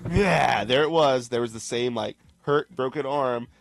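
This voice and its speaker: A man's voice: medium pitch, a little slow, vocal fry, a little hiss or hum. A man giving sarcastic, laughing commentary over a video, mimicking the person in it.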